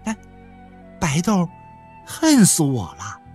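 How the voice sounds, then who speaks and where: A man's voice: fairly high pitch, huge pitch swings, takes it slowly, darkish tone, faint music behind, pitched above the performer's own voice, full character voice. A man voicing Cuilian, a fretful young widow. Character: young widow woman, blunt and anxious.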